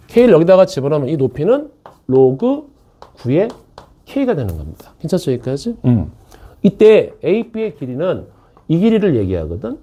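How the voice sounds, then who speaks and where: A man's voice: fairly high pitch, mellow. A male math teacher giving a classroom lecture, chatty and joking with his students and often checking they follow.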